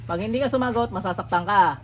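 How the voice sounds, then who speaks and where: A man's voice: sits high, fast talker. A man, a faith healer leading a ritual, sternly taunting and interrogating spirits. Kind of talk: healing ritual, commanding spirits. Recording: noisy room recording.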